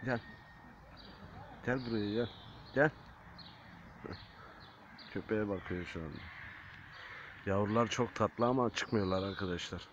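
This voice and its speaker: A man filming a vlog outdoors, talking to his viewers and softly calling stray cats and dogs over. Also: on the low side, a little slow, long pauses, highs cut off. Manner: coaxing animals with soft repeated calls. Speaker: vlogger feeding stray animals. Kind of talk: casual vlog talk to viewers. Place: outdoors by a building. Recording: faint outdoor noise. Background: faint outdoor ambience with animals and birds.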